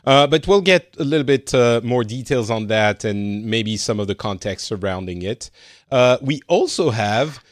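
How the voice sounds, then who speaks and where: French-born male podcast host, lively pitch, dry close mic, chatty with filler words. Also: moderate pace, no echo. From France. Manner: animated, lots of fillers and restarts. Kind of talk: casual podcast chat.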